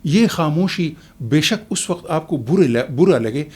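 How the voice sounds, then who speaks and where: A man, a guest on a talk program, explaining calmly in a measured, lecturing way with everyday examples. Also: fairly high pitch, husky. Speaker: expert guest. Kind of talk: explanatory talk show answer.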